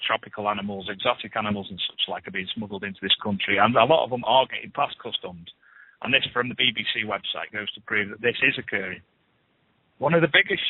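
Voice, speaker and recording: A man's voice: medium pitch, husky, dry recording. A man hosting a radio show, reading paranormal news with chatty, scoffing asides. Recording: phone-like lo-fi radio, dry.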